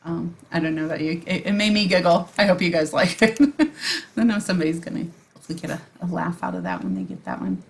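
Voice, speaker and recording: Chatty woman crafter with a gravelly voice. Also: lowish voice, very animated, fast. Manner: chatty, giggly, with frequent ums. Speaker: card-making video host. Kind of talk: casual crafting tutorial voice-over.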